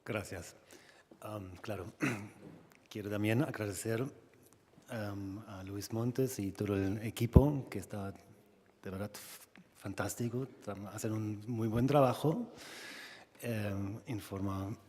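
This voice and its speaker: A man with a German accent gives an informal talk in a long-reverb hall. His delivery is slow and halting, with a mellow tone, as he searches for words in a second language. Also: fairly low pitch. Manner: halting, searching for words in non-native Spanish. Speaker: sculptor presenting own work. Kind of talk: informal conference presentation.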